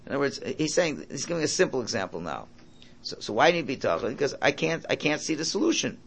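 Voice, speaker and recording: A man with a creaky, gravel-edged voice teaches religion informally. His pitch swings up and down in a lively way as he repeats each point. He throws out rhetorical questions and keeps checking in with his listeners. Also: fast. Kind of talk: informal Torah lesson, translating and explaining a text.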